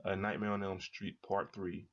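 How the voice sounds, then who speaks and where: A man chatting casually as a reaction video host, rambling and halting with repeated words. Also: low-pitched, level tone. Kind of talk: casual chat, trailer reaction commentary. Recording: dull lo-fi sound.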